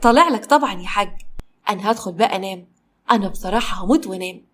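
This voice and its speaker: A woman's voice: mid-range voice, lively intonation, very fast, fairly bright tone. A woman voicing an eager, polite young man with an Egyptian accent.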